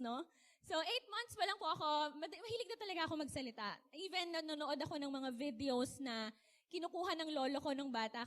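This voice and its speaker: A young woman from the Philippines giving a chatty, animated sermon, laughing often and asking her audience questions. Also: sits high. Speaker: speaker. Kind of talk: casual sermon talk.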